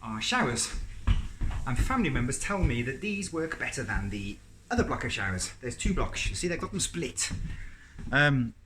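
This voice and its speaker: A man's voice: mid-range voice, big pitch swings, moderate pace. Chatty English man giving a campsite tour. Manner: chatty, jokey guide. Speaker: campsite reviewer. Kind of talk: walking tour vlog. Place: campsite outdoors. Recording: loud outdoor noise.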